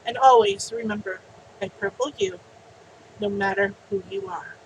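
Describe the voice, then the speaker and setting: A woman vlogging, reading out a heartfelt message in an earnest, slow way and sounding teary. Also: medium pitch, steady tone, background noise. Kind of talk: personal vlog, reading a written message then chatting.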